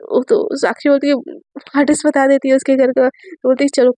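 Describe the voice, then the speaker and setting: A woman's voice: sits high, level tone, a little fast, mellow, no room sound, poor audio. A woman narrating a romance story in a chatty spoken style with frequent fillers.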